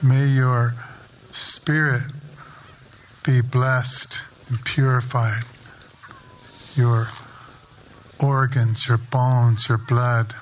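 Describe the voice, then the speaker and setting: Slow, measured man giving a blessing. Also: mid-range voice, little pitch movement, a little hiss or hum. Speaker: ceremony prayer leader. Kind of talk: spoken blessing. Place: outdoor sunrise ceremony.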